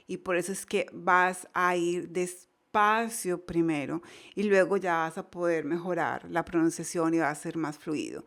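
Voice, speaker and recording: A woman teaching a lesson, giving direct and encouraging advice and sometimes reading example sentences slowly to demonstrate. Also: lowish voice. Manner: slow deliberate reading demonstrations. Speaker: English teacher. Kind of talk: explanatory lesson.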